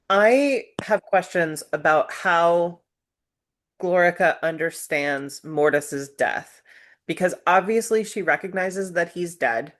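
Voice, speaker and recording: A woman co-hosting a casual book-discussion podcast, talking in a measured, analytical way and raising questions about the text. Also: deep voice, a bit bright. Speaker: podcast co-host.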